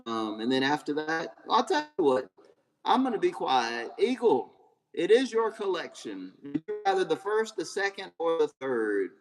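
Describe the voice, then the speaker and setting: A man's voice: fairly high pitch, sing-song, moderate pace, soft background music. A man hosting a live stream, chatting casually and thanking listeners before playing a story. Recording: long hall reverb.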